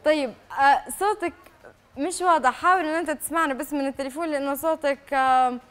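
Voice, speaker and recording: Woman, Libyan accent, morning show host, fast-talking, earnest, TV studio. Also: sits high, fairly bright tone, slight background noise. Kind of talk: live TV talk show.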